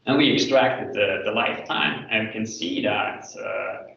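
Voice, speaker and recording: A man gives a hesitant, hedging academic thesis presentation over a video call, in a very echoey room and far from the microphone. His voice is low and slightly gravelly, with halting explanations. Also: fairly bright tone, a little hiss or hum. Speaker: PhD candidate presenting thesis defense. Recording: echoey room, distant mic, dull video-call sound.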